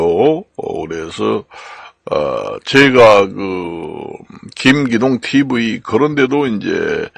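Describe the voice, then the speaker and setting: Slow, gravelly older Korean man lecturing. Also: on the low side, no room sound. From Gangwon Province, Korea. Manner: slow, halting, many fillers and repetitions. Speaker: channel host explaining law and Chinese characters. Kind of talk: unscripted lecture.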